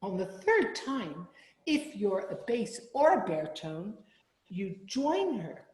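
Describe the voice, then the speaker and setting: Leading a choir rehearsal over a video call from her home room, a woman alternates spoken instructions with sung demonstration phrases. Her mid-range, darkish voice has big pitch swings and a slow pace, and the call is roomy with reverb.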